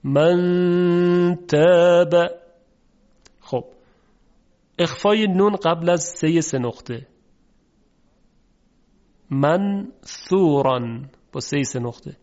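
A man teaching a recorded recitation lesson, formal and polite, who explains patiently and stretches sounds out slowly to show them. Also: fairly high pitch, animated, a little mellow, dull audio.

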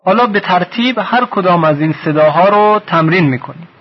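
A man teaching a recorded lesson on reading the Quran, speaking slowly and deliberately and stretching sounds out to demonstrate them. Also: sits high, breathy edge. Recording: dull lo-fi recording.

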